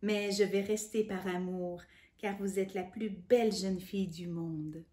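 A woman voicing a gentle, romantic young prince in a storybook reading, speaking softly. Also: medium pitch, steady tone, a little slow, echoey room, lightly acted. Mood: tender. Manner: soft, gentle.

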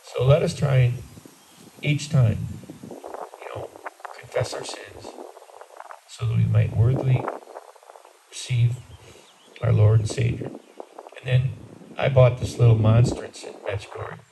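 A man's voice: medium pitch, steady tone, slow, creaky, long pauses, noisy background. A man in his sixties, a priest with an Upper Midwest American accent, giving a conversational, plain-spoken homily on an outdoor patio, recorded by a far camera. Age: 60s. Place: outdoors on a garden patio under a canopy.

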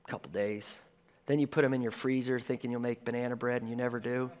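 A pastor in his forties preaches a sermon from a church stage set with a lectern and guitars. His mid-range voice is clean and quick-paced, and he preaches conversationally with lively gestures. The church hall gives the recording a reverberant sound.

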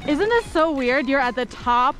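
A woman's voice: sits high, lively intonation, moderate pace, fairly bright tone. A young woman vlogging while she skis, chatting casually and exclaiming as she goes, recorded outdoors on an action camera. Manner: chatty, exclaiming, frustrated about rocks. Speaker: ski vlogger. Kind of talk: casual vlog commentary. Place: outdoors on a ski slope. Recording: music playing under the voice.

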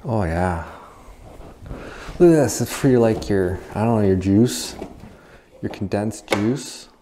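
A man's voice: lowish voice, animated, takes it slowly, dark tone, slight background noise. A man giving casual, chatty commentary as he walks through an abandoned house, easily amazed by what he finds, recorded on a body-worn camera. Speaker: urban explorer host. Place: empty abandoned house, indoors.

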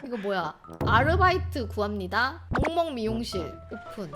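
A woman bantering excitably through gameplay with some playful skit acting, in an exclamatory way. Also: a little high, normal speed. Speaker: gaming video creator. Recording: loud music under the voice. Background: background music.

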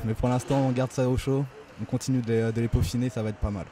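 A man's voice: medium pitch, flat delivery, fast talker, warm tone. A young man gives matter-of-fact answers in a street interview.

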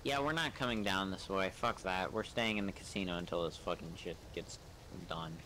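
A deep-voiced man plays a role-play game at a moderate pace, offering casual, sardonic commentary while muttering and swearing. Game ambience sits behind him, and the background noise comes through clearly.

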